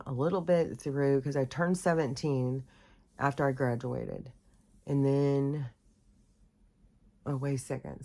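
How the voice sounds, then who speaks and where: Gravelly woman rambling through a story. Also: extremely low pitch, warm tone. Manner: rambling, full of fillers and self-corrections, candid and swearing. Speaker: host. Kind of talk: casual storytelling monologue.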